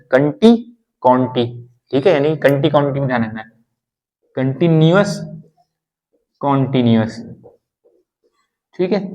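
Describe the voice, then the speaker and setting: A man's voice: medium pitch, a little mellow, low-quality recording. Man, english teacher, repetitive reassuring explanations, grammar lesson.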